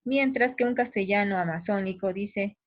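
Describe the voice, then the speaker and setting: A woman's voice: mid-range voice, moderate pace. A woman teacher with a provincial Peruvian accent explains the material patiently and speaks directly to her students. She often restarts her sentences as she works toward each point. Her voice sits in an ordinary mid range and comes through thin and tinny, like a phone line. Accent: Peruvian provincial Spanish. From Peru. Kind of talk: recorded class explanation.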